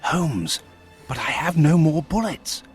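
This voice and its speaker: An actor playing a loyal, earnest Victorian doctor in a video game, with a husky voice. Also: male voice, fairly high pitch, expressive, takes it slowly, faint music behind. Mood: urgent.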